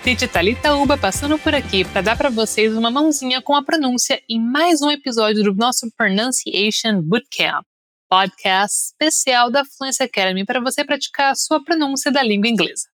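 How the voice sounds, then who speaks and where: A woman's voice: fairly high pitch, animated, normal speed, fairly bright tone, no echo, studio quality, soft background music. A young woman from Brazil with a Brazilian Portuguese accent, an upbeat pronunciation teacher on a podcast, leading listeners through drills. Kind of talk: podcast lesson.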